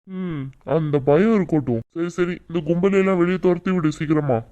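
A man's voice: sits high, brisk, warm tone, clear, resonant tone, highs cut off, natural voice. A man voicing a domineering, bullying middle-aged village father in a cartoon, scolding and mocking. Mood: boastful.

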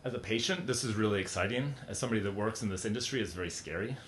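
A middle-aged man delivers a conference keynote in a large hall, talking conversationally and tripping over fillers and restarts. His voice sits low, and the room lends a roomy echo over a faint rumble underneath. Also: racing. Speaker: keynote speaker.

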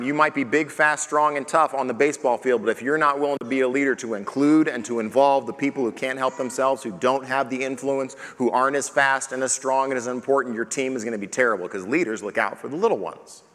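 A man preaching as pastor at a parenting conference, talking lively and acting out the questions he asks his children. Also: mid-range voice, big-room sound. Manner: animated, acts out questions to his kids.

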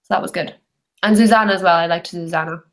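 Over a noisy crowd, a woman with a lowish, steady voice talks fast and frankly about books, dropping "like" constantly. She's a book club panelist chatting casually from her bedroom, picked up by her computer mic on a video call.

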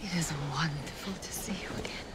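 An actress playing a weary woman resigned to prison life, speaking low and hushed. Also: normal speed, whispered, natural voice. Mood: wry. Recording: noisy film audio.

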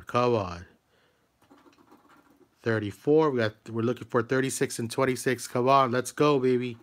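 Slow-talking man scratching tickets live. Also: mid-range voice, a bit bright. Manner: slow, chatty, greets viewers by name and urges on each ticket. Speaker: live-stream host scratching lottery tickets. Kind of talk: casual live-stream commentary.

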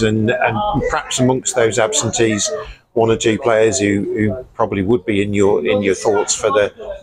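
English club reporter, lowish voice, long rambling questions, crowd heard behind. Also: male voice, low-quality recording. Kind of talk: post-match interview questions.

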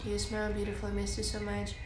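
Lying on her bed with the phone close, a young adult woman from Russia livestreams indoors, answering comments in a soft, giggly, slow manner full of "like" and "uh." Her Russian-accented voice sits at a medium pitch and stays monotone, with reverb and music playing in the background.

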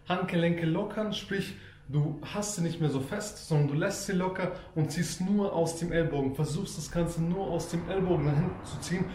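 Fitness coach, male, slightly high voice, instructive and repetitive, roomy home gym sound. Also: darkish tone. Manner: explanatory, repeats key points. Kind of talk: home gym workout tutorial.

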